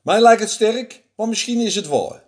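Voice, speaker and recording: A man doing the gruff monster Gruffalo. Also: high voice, expressive, normal speed, voice pushed up. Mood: doubting. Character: huge scary male Gruffalo monster.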